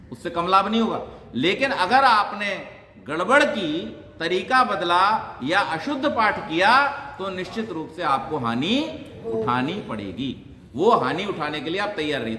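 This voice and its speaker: Guy teaching sanskrit sounds, high bright voice, big echoey hall. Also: a little hiss or hum. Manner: explains by asking and answering his own questions, demonstrates sounds. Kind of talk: religious teaching talk. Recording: echoey hall with long reverb.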